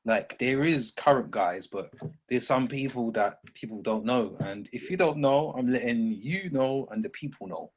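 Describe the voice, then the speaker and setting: A man's voice: medium pitch, lively intonation, normal speed. A man talking casually about music, opinionated and full of slang. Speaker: radio station operator on a podcast.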